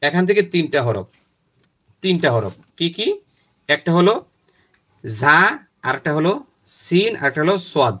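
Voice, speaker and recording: A man teaching a step-by-step pronunciation lesson, repeating each sound slowly and often. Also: fairly high pitch, big pitch swings, a bit bright.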